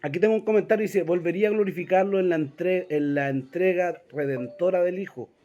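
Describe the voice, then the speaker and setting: Teaching a Bible class, a man reads verses out loud, tells listeners where to turn, and frequently checks in with them. His voice is high-pitched, brisk and warm, with the highs cut off.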